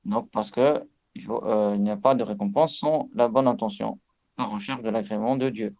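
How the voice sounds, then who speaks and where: A lowish, darkish male voice at a moderate pace delivers a tajwid lesson. The religious teacher explains recitation rules with fillers and restarts, chanting Arabic to illustrate.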